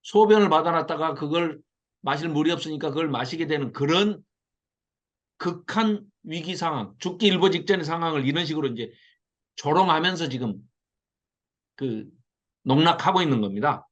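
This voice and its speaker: Middle-aged man, Bible lecture, animated, high-pitched, dull lo-fi sound. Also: moderate pace, pauses often. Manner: animated, mocks the invaders in acted quotes. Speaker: Bible study teacher. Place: classroom with a small audience.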